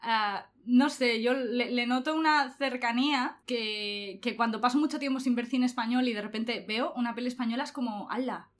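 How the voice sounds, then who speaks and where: A woman's voice: fairly high pitch, moderate pace, hardly any pauses. A young woman, chatting casually and laughing often. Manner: animated, laughs often, colloquial. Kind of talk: casual chat.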